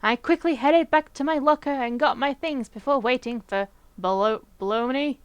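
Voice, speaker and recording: A woman's voice: high voice, normal speed, clear, resonant tone, no echo. A young woman hosting a let's play, reading a visual novel aloud in a playful, chatty way with frequent giggles. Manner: playful, giggly, chatty asides between narration.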